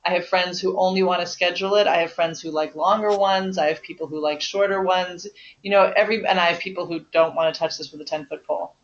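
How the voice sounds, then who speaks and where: A woman's voice: fairly low pitch, fairly even intonation, quick pace. A woman leading a health course over an online call, encouraging and talky, with lots of fillers. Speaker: course leader, health coach. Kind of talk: coaching call with a participant. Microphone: online conference call. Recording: dull lo-fi call audio.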